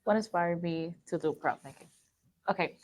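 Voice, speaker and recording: A woman's voice: on the low side, normal speed. A woman chatting casually as a prop maker on a panel, explaining things in an informal, rambling way. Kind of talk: casual chat.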